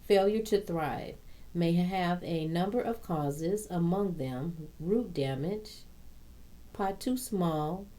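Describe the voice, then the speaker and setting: A woman hosting a plant channel, reading aloud from a houseplant book in a halting way, stopping to correct herself and add her own comments. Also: fairly low pitch, mellow, rough recording.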